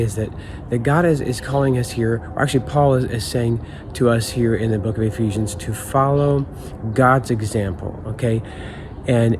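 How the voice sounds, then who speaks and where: Upbeat youth pastor man, noisy background. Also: medium pitch. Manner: upbeat, informal. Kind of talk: casual devotional talk.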